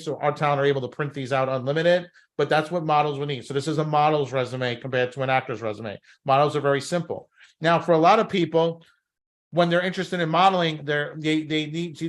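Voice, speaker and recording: A man with a Brooklyn accent giving an instructional talk as a talent coach, emphatic and often checking in with short tag questions. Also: fairly high pitch. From Brooklyn, New York. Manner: emphatic, often tagging phrases with "okay?" and "right?". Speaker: talent scouting coach and presenter. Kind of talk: instructional presentation.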